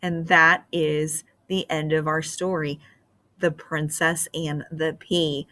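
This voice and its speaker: Over a webcam during a screen share, a middle-aged woman teacher reads a storybook to students, then explains its moral. Her low voice moves slowly and expressively, and the audio is clean studio quality with no echo.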